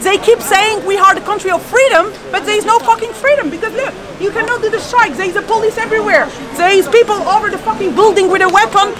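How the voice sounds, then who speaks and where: An indignant woman speaks English into a reporter's mic on a city street during a protest. Her voice sits very high, and she swears often as she presses her point. A protest crowd is clearly heard all around her. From Paris, France. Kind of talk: street interview.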